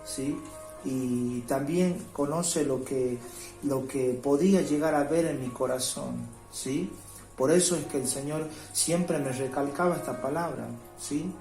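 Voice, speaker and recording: A man gives a home devotional sermon at a mid-range pitch. He reads verses slowly and checks in with his listeners with a repeated "¿sí?". The sound is roomy and echoey, with soft music underneath. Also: vocal fry. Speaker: preacher. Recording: roomy echo with faint music.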